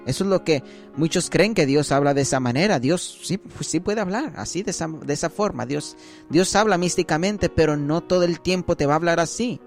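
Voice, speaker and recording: A man's voice: a little high, brisk, creaky, faint music behind. A man giving a conversational sermon as a preacher, often checking in with his listeners.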